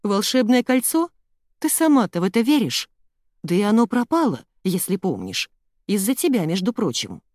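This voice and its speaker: A woman's voice: medium pitch, wildly swooping pitch, normal speed, a little mellow, husky, dry recording, studio quality. A woman reading an audiobook, voicing a bustling, strict mother with an emphatic, scolding manner. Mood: stern.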